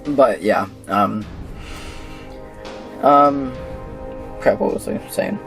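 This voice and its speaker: A man's voice: medium pitch, extremely slow, music in the background. A young man from Minnesota answering viewer questions in a casual, rambling vlog, with lots of fillers and restarts. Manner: rambling, many fillers and restarts, chuckles at himself. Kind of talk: casual Q&A monologue.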